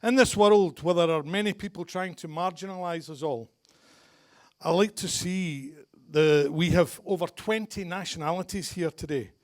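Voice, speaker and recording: A man's voice: fairly high pitch, moderate pace. A middle-aged man with a broad Glaswegian Scottish accent gives a humorous wedding speech as father of the bride, joking dryly. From Scotland. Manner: dry, joking delivery.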